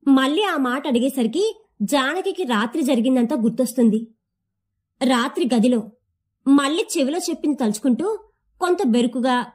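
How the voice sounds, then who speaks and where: Woman reading a story, high pitched, steady expressive narration. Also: slightly rough. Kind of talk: scripted audiobook narration.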